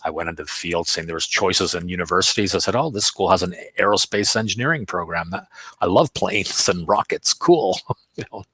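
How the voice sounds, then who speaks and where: Guy with a really low voice talking over a video call from his office, punchy, dry sound. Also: brisk, a bit bright, slightly rough, no echo. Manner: candid, self-assured, laughs at himself. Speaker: guest, company founder. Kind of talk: casual interview chat.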